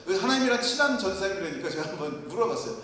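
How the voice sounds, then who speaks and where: A male missionary with a high, slightly bright voice preaches a sermon at a racing pace with big pitch swings, telling stories and putting questions to the congregation. He's recorded from far off in a very echoey hall with long reverb.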